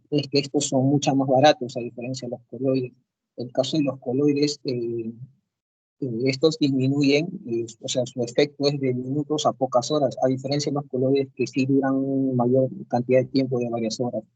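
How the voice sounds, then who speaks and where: Husky man giving a hesitant class talk. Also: medium pitch, darkish tone, no echo. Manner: hesitant, many filler sounds and restarts. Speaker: medical student presenting. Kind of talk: class presentation over video call. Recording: dull, dry, husky online call audio.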